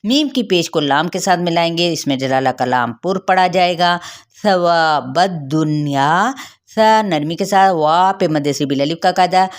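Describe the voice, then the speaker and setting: A woman teaching the rules of Quran recitation, chanting verses slowly and then explaining each sound, asking questions and answering them herself. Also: fairly low pitch. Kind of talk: tajweed lesson with recitation.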